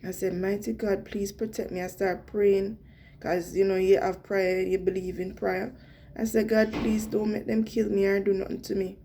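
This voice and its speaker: Jamaican woman with a gravelly, mellow voice. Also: mid-range voice, moderate pace, slight background noise. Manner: earnest, animated retelling with quoted dialogue and Jamaican patois slips. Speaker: vlogger. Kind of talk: personal storytelling.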